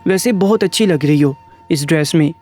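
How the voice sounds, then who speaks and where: A playful young husband with a teasing, murmuring tone, voiced by a man reading the story. The voice sits a little high for a man. Soft music runs faintly underneath. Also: close to an everyday voice.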